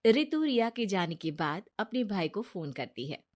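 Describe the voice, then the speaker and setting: A woman reads a cartoon story aloud, quietly and plainly. Her voice is mid-pitched. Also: big pitch swings, normal speed. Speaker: narrator. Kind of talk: scripted storybook narration.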